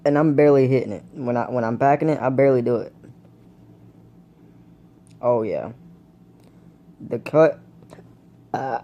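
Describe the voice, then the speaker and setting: A man's voice: medium pitch, a little fast, long pauses, dark tone, muffled recording. A young man in a casual home video, talking in a laid-back, rambling way to his viewers, with the hiccups. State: has the hiccups. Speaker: vlogger reviewing dip tobacco. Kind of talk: casual vlog chat. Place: indoors at home, camera propped on a blanket.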